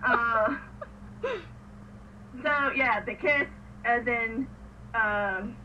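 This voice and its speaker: A woman co-hosting a casual fan podcast, giggly and excitable, acting out scenes as she retells them. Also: a little high, drawn-out words, distant mic. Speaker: podcast co-host. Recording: dull lo-fi sound with faint noise, off-mic.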